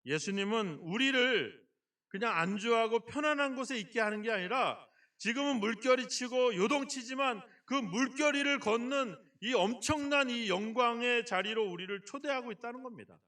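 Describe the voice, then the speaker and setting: A male senior pastor delivering a lively sermon in a church. He acts out quotes and keeps asking the congregation questions. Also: very high voice, moderate pace, far from the mic. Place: church sanctuary.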